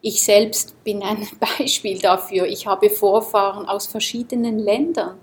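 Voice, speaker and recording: A woman from Switzerland giving a calm, reflective Dharma talk to a group in a seminar room, often asking her listeners questions. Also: medium pitch, unhurried. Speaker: meditation teacher.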